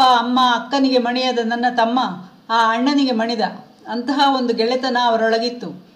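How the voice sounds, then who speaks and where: A woman reading a memoir aloud as an audiobook, in a steady, measured storytelling manner. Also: fairly high pitch. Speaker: audiobook reader. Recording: roomy echo.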